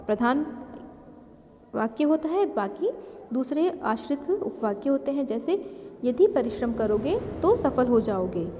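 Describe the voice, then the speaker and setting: A woman's voice: high-pitched, mellow. A woman teacher explaining a grammar lesson step by step, reading out lists of examples. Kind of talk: grammar lesson for school students. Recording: reverberant room with faint ambient noise.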